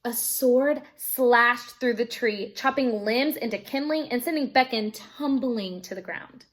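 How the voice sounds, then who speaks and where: With a fairly high-pitched voice and a measured pace, a female teacher reads a children's storybook aloud in an expressive, narrating manner.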